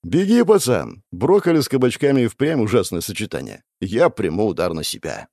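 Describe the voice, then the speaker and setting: A man's voice: lowish voice, sing-song, brisk, darkish tone, no echo, clean studio sound. A man voicing a young, playful princess who teases with a coy manner. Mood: bold.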